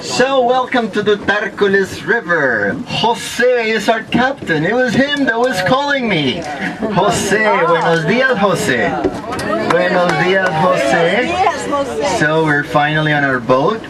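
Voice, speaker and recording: A man's voice: sits high, animated, measured pace, few pauses, over a noisy crowd, low-quality recording. A man guiding a wildlife tour on a river boat, giving live commentary in a playful, joking way. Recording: busy voices and boat noise behind.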